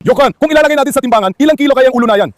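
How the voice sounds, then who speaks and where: A man's voice: extremely high pitch, very fast. A man hosting a dog vlog, coaxing his dogs with repeated calls and directing a helper while he handles them. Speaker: dog owner and channel host. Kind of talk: casual vlog chatter to camera and helpers.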